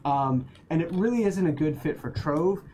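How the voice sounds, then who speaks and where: A woman's voice: deep voice, lively intonation, normal speed, warm tone. A woman developer on a casual game livestream, answering community questions in a chatty way with frequent fillers and laughs. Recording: noisy stream audio.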